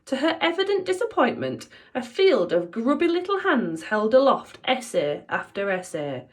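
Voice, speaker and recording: A woman teacher reading a children's book aloud, with expressive, playful storytelling. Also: a little high, moderate pace.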